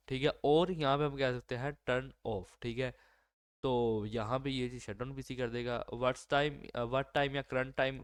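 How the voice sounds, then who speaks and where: A man's voice: medium pitch, smooth. A man with a sore throat talking through his code in a casual coding walkthrough, thinking aloud with lots of fillers and self-corrections. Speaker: coding tutorial host. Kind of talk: screen-recorded coding walkthrough.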